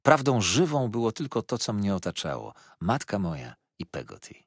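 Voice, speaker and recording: A man narrating an audiobook in an expressive, lively reading. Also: fairly low pitch, normal speed, husky, no room sound, clean studio sound.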